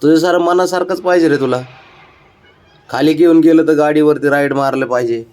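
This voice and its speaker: A man talking to his pet cat in a coaxing, cooing pet-talk manner, gently pleading and scolding. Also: a little high, brisk.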